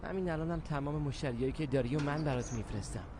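A man's voice: a little high, close to an everyday voice. A man dubbing a weary go-between who brushes off complaints. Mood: placating. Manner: placating, dismissive. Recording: city street noise behind.

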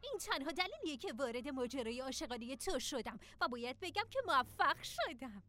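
A woman's voice: high voice, big pitch swings, sharp tone, faint music behind, full character voice. A woman voicing a scheming female thief in a cartoon dub, cool and mocking. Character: scheming sly female thief, young adult.

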